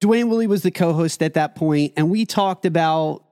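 A man's voice: a little high, normal speed, mellow, smooth. A man hosting a podcast, moving between upbeat announcing and casual chat. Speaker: podcast host.

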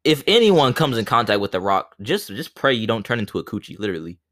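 A young man joking around in a casual group conversation, quick with punchlines. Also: fairly low pitch, big pitch swings, fairly bright tone.

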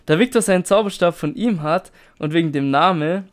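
A man's voice: on the high side, brisk. A man acting as quiz master on a podcast, reading questions aloud in a matter-of-fact, dry way.

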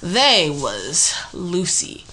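Over a noisy crowd, a woman with a lowish voice draws out her words. She laughs a lot while rambling through animated stories as a podcast co-host in relaxed conversation.

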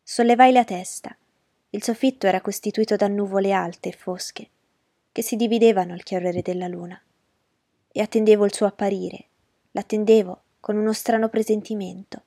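A woman narrating in the first person as the heroine of a radio drama, measured and emotional. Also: mid-range voice, fairly even intonation, mellow, no room sound, studio quality.

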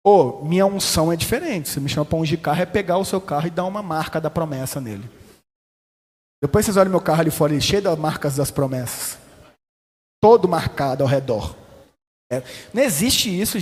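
A man's voice: high-pitched, slightly rough. A man with a Brazilian Portuguese accent preaching a sermon as pastor, sarcastic and joking, with a lot of slang. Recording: echoey hall.

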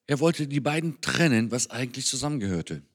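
A man's voice: medium pitch, sing-song, a little fast, husky. A German-born man giving an earnest, conversational sermon in a church. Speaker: speaker on Israel at a church.

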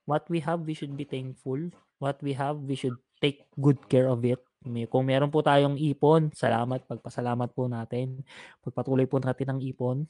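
A Filipino man hosting a casual talk show, speaking earnestly and haltingly to listeners. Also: mid-range voice, flat delivery, mellow, dry recording. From Philippines. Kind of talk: casual chat with listeners, Tagalog mixed with English.

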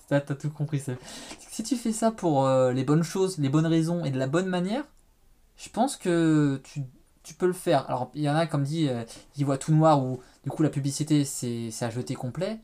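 A man's voice: fairly high pitch, dark tone. A man with a faded trace of a Quebec accent, chatting casually and rephrasing himself as he goes. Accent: French with a faded Quebec trace. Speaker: interviewer. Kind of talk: casual conversation.

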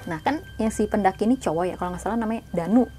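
A young woman casually telling a spooky story in slangy talk, sometimes hushed, sometimes animated. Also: medium pitch, rapid-fire, a little hiss or hum.

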